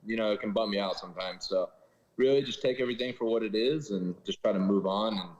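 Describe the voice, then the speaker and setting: A man's voice: on the low side, fast talker. A young man, an off-road racer, talking casually and rambling with fillers over a video call whose audio sounds echoey and muffled, as if he were in a cave. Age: young adult. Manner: laid-back, rambling with fillers.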